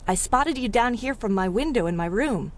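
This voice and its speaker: In a 1930s radio adventure serial, a woman plays a plucky, streetwise city dweller, her wry, colloquial lines carrying concern. Her fairly high voice has lively intonation and a moderate pace, staying close to an everyday speaking voice.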